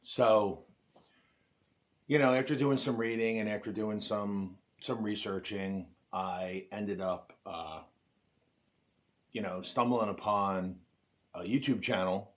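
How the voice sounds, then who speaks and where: Man, deep register, loose rambling delivery full of fillers and restarts, casual to-camera review. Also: steady tone, takes it slowly, pauses often. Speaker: ATV owner reviewing a product.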